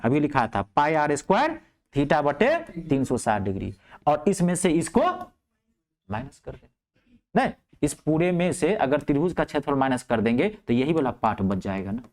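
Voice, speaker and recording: A male math teacher. He explains geometry step by step, keeps asking whether things are clear, and drops his voice low to answer his own questions. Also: very animated, a little fast, a little mellow. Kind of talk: lively classroom math lesson.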